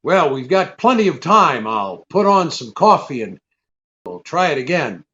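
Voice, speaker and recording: A man's voice: a little high, very animated, unhurried, fairly bright tone, breathy edge, exaggerated voice. A man playing a cynical, wisecracking hard-boiled detective in a radio drama, brusque and sardonic. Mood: dry, sardonic. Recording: dull, muffled radio recording.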